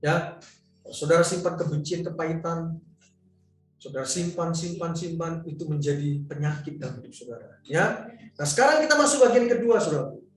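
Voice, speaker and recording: A man's voice: fairly high pitch, expressive, brisk. A male pastor preaching a sermon, telling a story emphatically and often addressing the congregation directly, in a church hall. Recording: echoey hall from far off, faint music.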